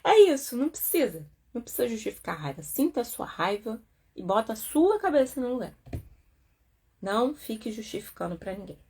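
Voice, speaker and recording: A woman's voice: fairly high pitch, big pitch swings, brisk, a little mellow, husky. A Brazilian woman therapist comments on a self-help book in a chatty way, with frequent tag questions and acted-out quotes. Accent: Brazilian Portuguese.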